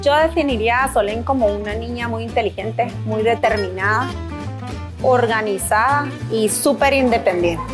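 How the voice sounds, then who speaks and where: A woman gives an interview, speaking warmly and admiringly. Her voice sits a little high. Music plays clearly behind her. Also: moderate pace.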